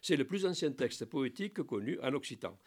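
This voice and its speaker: A man giving a spoken lesson on French verse, explaining in a lively teaching manner with playful asides and recited lines. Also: mid-range voice, a little fast, slightly rough.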